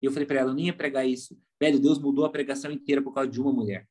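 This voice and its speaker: A man with a Brazilian Portuguese accent, a pastor chatting casually on a podcast and telling lively stories. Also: medium pitch, rapid-fire. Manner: animated storyteller, acts out quoted voices.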